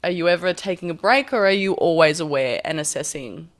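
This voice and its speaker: A woman's voice: on the low side, brisk. A woman chatting casually as an interviewer, informal and agreeable in the way she talks. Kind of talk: casual chat.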